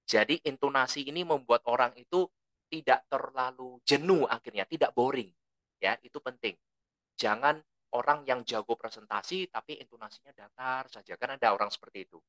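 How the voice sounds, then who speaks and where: Bright-voiced man teaching presentation skills. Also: medium pitch, fairly quick, dry recording. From lived abroad for a long time. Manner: relaxed, explanatory, tags sentences with "ya"; says his own volume tends to run loud. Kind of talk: lecture to a training group.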